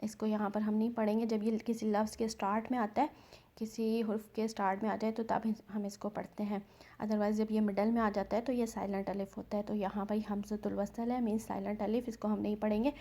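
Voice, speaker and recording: A woman teaching Quran recitation, patiently explaining each rule and stretching out example words slowly. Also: mid-range voice, little pitch movement, warm tone. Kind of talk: step-by-step recitation lesson.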